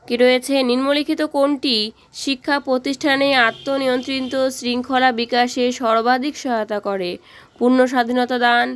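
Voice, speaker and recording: A woman teacher, reading exam questions and options aloud, then explaining each answer and often checking in with the students. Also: on the high side. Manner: reads questions then explains answers, repeats "ঠিক আছে?". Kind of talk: exam practice lesson.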